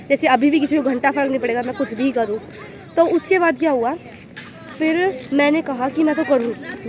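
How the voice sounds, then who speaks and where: Young woman vlogger from Haryana, high-pitched, lively storyteller, phone-recorded outdoors at night. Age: young adult. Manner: animated, exclaiming storyteller. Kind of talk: casual storytelling vlog.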